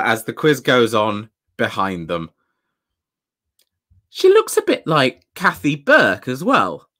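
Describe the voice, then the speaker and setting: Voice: mid-range voice, a bit bright. Sardonic, sweary streamer with a wildly swinging voice. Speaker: streamer reacting to an old TV show. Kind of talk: casual reaction commentary.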